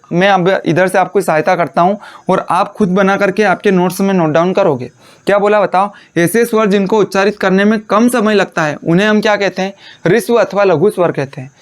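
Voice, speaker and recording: A man teaching a Hindi lesson. He asks his students questions and answers them himself, and he repeats phrases slowly so they can copy notes. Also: high voice. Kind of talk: classroom lecture dictating notes.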